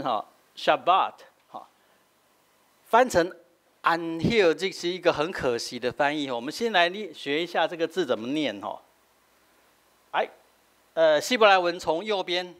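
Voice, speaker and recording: Lively-pitched Taiwanese pastor preaching. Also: male voice, unhurried, long pauses. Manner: explanatory, frequent filler "hah" tags, switching between Taiwanese and Mandarin. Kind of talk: sermon teaching.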